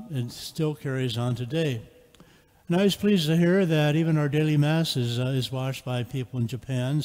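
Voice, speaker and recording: An older man, a priest, giving an informal homily in a plain, halting storytelling way in a reverberant church. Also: medium pitch, darkish tone. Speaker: priest celebrating Mass. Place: large church, standing in sanctuary.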